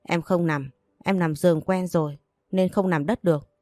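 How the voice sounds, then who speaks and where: A woman's voice: on the low side, steady tone, moderate pace, a little mellow, no room sound, studio quality, lightly acted. A woman voicing a spoiled, sneering young sister-in-law. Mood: whiny. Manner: mocking and boastful.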